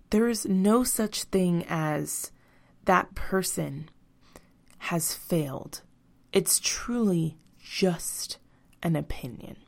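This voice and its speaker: A woman hosting her own podcast, giving a blunt, emphatic motivational monologue, swearing freely and slowing down with soft breathy asides. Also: fairly low pitch. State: tearing up. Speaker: podcast host.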